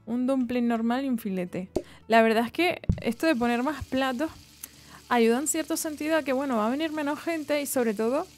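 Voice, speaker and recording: Excitable woman streamer over game music. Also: high voice, normal speed. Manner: chatty, excitable, talks to herself and chat. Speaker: gaming streamer. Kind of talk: casual gameplay commentary. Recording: game music playing loudly behind. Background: cooking game music and sizzling sounds.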